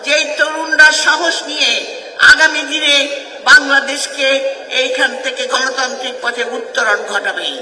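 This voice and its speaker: Woman giving an echoing rally speech. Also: sits high. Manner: forceful, repetitive oratory. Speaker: political speaker at a rally. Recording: echoey hall, mic far off.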